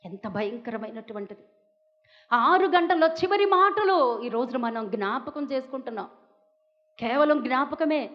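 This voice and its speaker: A high-voiced woman pastor from India delivers a heartfelt sermon, pausing dramatically and speaking tenderly to her listeners. Her voice rings with a long hall reverb, and the recording sounds somewhat dull. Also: animated. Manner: emotional preaching with dramatic pauses, addresses listeners as amma.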